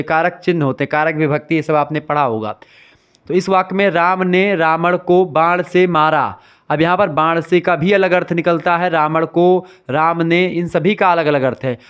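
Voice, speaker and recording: A young man leads an exam revision lesson, walking through each term step by step and checking that his students follow. His voice is smooth and resonant, sitting a little higher than most men's. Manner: explains step by step, repeats terms, checks with 'clear?'. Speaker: teacher.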